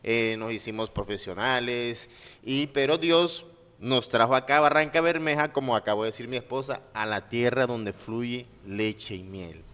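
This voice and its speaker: A Colombian man in his forties, a guest sharing his story in a warm, chatty way and laughing easily. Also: medium pitch, normal speed, clear, resonant tone. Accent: Colombian Spanish. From Colombia, raised in Valledupar. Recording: reverberant hall.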